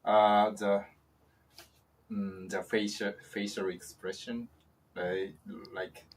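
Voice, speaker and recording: A man joining a casual lesson, speaking haltingly as he searches for his words. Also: lowish voice, level tone, far from the mic. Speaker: guest co-host.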